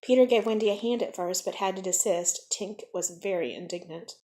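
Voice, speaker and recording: A woman reads a classic children's novel aloud with lively, expressive narration. Her voice sits in an ordinary middle range for a woman, and she shapes each sentence with care. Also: medium pitch, fairly quick. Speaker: audiobook reader. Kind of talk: storybook narration.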